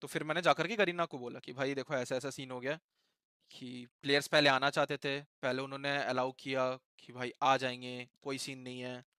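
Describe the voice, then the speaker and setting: Bright, crisp young man explaining. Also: medium pitch, level tone, moderate pace, no room sound, clean studio sound. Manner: Hindi-English code-switching, conversational storytelling. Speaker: esports team coach. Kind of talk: casual explanation on stream.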